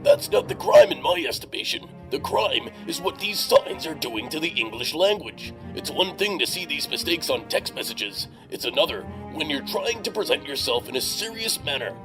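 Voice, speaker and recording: A man's voice: fairly high pitch, wildly swooping pitch, normal speed, hardly any pauses, music in the background, rough recording. An anonymous man interviewed with his voice disguised for his protection, speaking in an earnest, indignant way. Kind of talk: interview soundbites.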